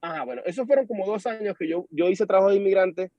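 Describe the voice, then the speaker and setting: A young Venezuelan man with a Venezuelan accent, chatting as a podcast guest and telling an animated story while acting out the dialogue. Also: high voice, fast talker. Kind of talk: casual chat. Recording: dull lo-fi sound.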